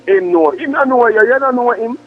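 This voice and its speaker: A man with a high voice and a Jamaican accent talks on a three-way phone call. He is emphatic, repeating himself in slangy patois, and the line is dull and muffled. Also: lively intonation, brisk, soft background music.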